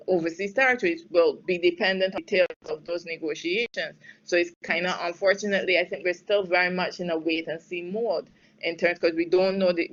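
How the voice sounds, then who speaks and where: Answering audience questions on trade and health policy during a webinar, a Barbadian woman thinks aloud in a thoughtful way, full of fillers and restarts yet emphatic at times. Her voice is fairly low in pitch, and the audio is lo-fi.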